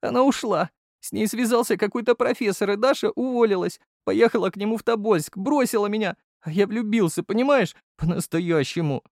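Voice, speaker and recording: A man's voice: high-pitched, slow pace, gravelly, darkish tone, dry recording, clean studio sound, voice pushed up, full character voice. A man voicing a whiny young male deputy officer who whimpers and sniffles, in an audiobook. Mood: sobbing. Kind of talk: audiobook character voice.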